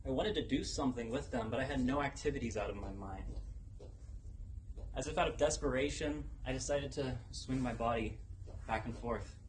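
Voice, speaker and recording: Young man's dramatic speech, noisy live recording. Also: mid-range voice. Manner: dramatic, deliberate delivery with pauses for effect. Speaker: contestant in a speech competition. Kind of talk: rehearsed personal storytelling speech. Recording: noticeable background noise, live event ambience.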